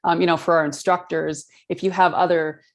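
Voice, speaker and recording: A woman host with a lowish voice, chatting enthusiastically. She gushes with praise and strings her thoughts together with you-knows. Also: flat delivery, brisk. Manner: enthusiastic, warm praise, lots of you know. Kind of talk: casual conversation.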